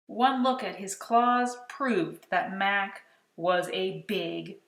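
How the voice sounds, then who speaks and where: A woman reading a children's picture book aloud, expressive and unhurried. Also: lowish voice, vocal fry, reverberant. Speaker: storytime reader.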